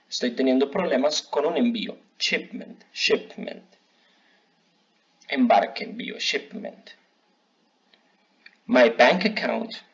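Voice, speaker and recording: Slow teacher, dull audio. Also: male voice, medium pitch. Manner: slow, clear model phrases for learners to repeat. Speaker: English teacher. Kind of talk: bilingual language lesson. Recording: dull lo-fi recording.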